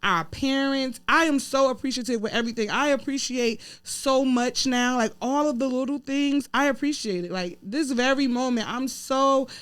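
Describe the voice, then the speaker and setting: High, bright gushing woman co-host. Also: moderate pace, few pauses, smooth. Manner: effusive, emotional, gushing. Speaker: podcast co-host. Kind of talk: casual chat.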